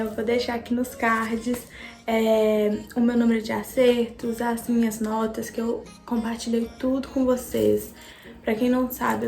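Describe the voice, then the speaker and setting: Talking to her audience in a relaxed vlog, this young adult student uses lots of filler words. She has a fairly high, darkish voice with vocal fry, recorded in an echoing room where soft music plays.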